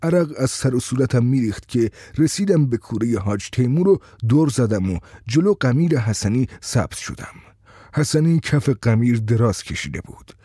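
Man with a dark, husky storytelling voice. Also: medium pitch, no room sound, studio quality. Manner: steady, conversational storytelling. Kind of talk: first-person story reading.

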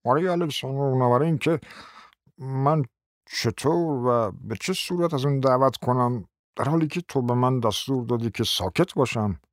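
A timid, slow-witted husband, voiced by a male reader, stammers and hesitates at a middle pitch. The sound is dry and close, with no room around it. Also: no room sound, lightly acted. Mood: meek. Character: meek dim-witted middle-aged husband. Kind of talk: audiobook dramatic reading.

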